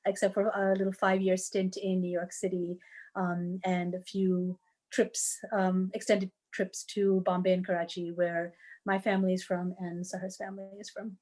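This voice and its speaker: A woman's voice: lowish voice, level tone, normal speed. A woman in her forties from the Washington, D.C. area, telling her family story in a casual, tentative way with frequent fillers. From United States, D.C. area. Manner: tentative, many fillers, warm laughs. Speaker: podcast guest sharing her story.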